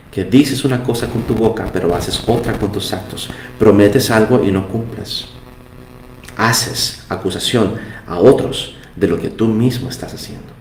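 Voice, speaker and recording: A man's voice: on the low side, a little mellow. A man preaching a fervent sermon, rising now and then to impassioned outbursts. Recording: echoey room.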